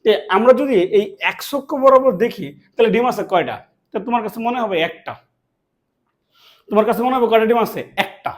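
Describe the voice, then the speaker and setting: A man's voice: extremely high pitch, lively intonation, brisk. A man from Bangladesh, teaching a classroom math lesson, asking questions and answering them himself. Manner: asks and answers his own questions, repeats key words.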